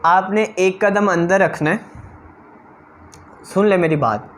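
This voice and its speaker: A man's voice: sits high, slow, slight background noise. A man giving direct, practical advice to interview candidates in an instructional talk. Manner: direct, advising, talks straight to viewers. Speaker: interview coach.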